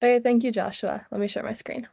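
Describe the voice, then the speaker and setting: A sixteen-year-old American girl gives a casual online student presentation over a video call, filling it with "like." Her voice is on the high side, warm and gravelly, fast with fairly even intonation, and the call audio is muffled and lo-fi.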